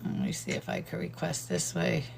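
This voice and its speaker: A woman's voice: deep voice, huge pitch swings, normal speed, gravelly, a little hiss or hum. An older woman hosting a live stream, chatting casually, laughing often and greeting viewers by name. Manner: admits nervousness about reading aloud.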